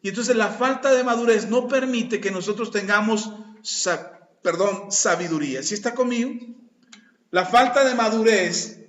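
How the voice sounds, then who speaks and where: A high-pitched man with a Mexican Spanish accent preaches in a conversational way, slipping into little acted-out exchanges. The sound is dull and lo-fi, and the room around him is echoey. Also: moderate pace, fairly bright tone. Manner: conversational preaching, acts out dialogues. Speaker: pastor. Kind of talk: sermon.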